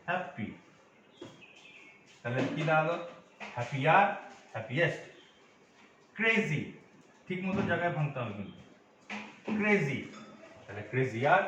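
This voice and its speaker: A man teaches grammar to students in a patient, step-by-step way, asking and answering his own questions. His voice sits a little high. It is recorded from some distance in a very echoey room, with a dull sound and faint noise behind it. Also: fairly bright tone. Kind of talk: explaining a grammar lesson to students.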